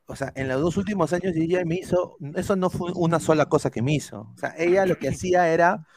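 A man's voice: on the high side, fast talker, a crowd in the background. A man, telling a personal story in casual chat, rambling with lots of restarts. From Peru. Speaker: panelist.

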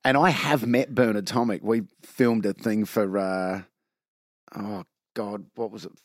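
An Australian man hosting a casual podcast chat, relaxed and conversational. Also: fairly low pitch, unhurried, no echo. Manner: easygoing, conversational prompter. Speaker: podcast host. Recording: dry studio sound.

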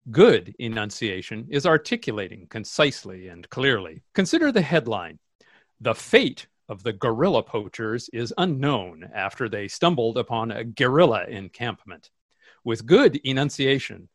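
A man's voice: mid-range voice, no room sound, clean studio sound. A man playing a vain, self-absorbed male radio host in a comedic radio sketch, with pompous, overly precise diction.

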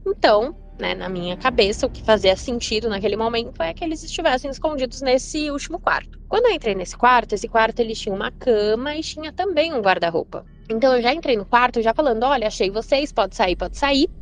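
A woman's voice: fairly high pitch, animated, fast, few pauses, soft background music. A woman telling a personal story about a frightening childhood moment, earnest, with frequent fillers and repetition. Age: adult. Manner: earnest, repeats herself with many fillers. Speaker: listener sharing a personal story.

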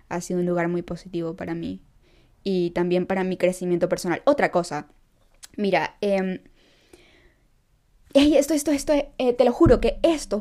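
A young woman talks casually to her followers in a mellow, warm voice. She is emphatic and chatty and laughs easily between points. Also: on the low side. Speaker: vlogger. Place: Los Angeles.

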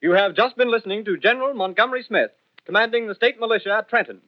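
A man's voice: high voice, fast talker, no room sound, lo-fi sound, close to an everyday voice. A man playing a grave radio news announcer, reading formal bulletins in an old 1930s newsreel manner. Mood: urgent, formal. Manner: formal, clipped, solemn bulletin delivery.

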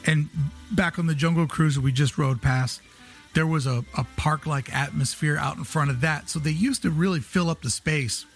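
A man's voice: a little high, normal speed, faint music behind. A man hosting with casual, opinionated commentary in an emphatic, wry, jokey way. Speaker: host.

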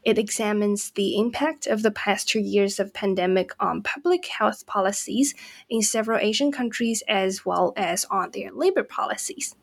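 A woman's voice: medium pitch, lively intonation, moderate pace, vocal fry. A woman hosting a book interview, welcoming guests and asking questions with some hesitation and fillers. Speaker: interview host.

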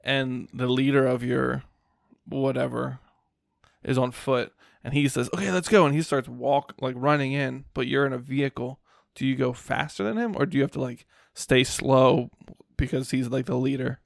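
Gravelly-voiced man in casual podcast banter. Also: mid-range voice, steady tone, normal speed, no room sound, studio quality. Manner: laid-back, jokey banter. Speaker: podcast co-host. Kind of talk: casual movie-commentary chat.

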